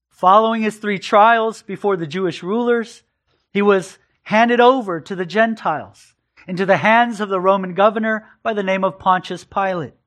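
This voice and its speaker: A man's voice: high-pitched, a bit bright. A man preaching an earnest expository sermon, emphatic and given to repeating phrases for weight. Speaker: pastor.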